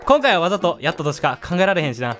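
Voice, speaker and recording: A man playing a gruff scolding mole in Kansai dialect. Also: on the high side, sing-song, rapid-fire, a bit bright, soft background music. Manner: gruff, scolding, exasperated lecturing. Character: grumpy scolding male mole, short-tempered lecturer. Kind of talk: reading game dialogue aloud in character.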